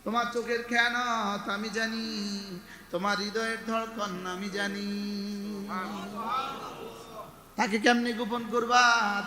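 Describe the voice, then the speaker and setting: High bright preacher in an echoey hall. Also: male voice. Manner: chanting Arabic verses, call-and-response with the crowd. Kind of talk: Islamic sermon. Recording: echoey hall with long reverb.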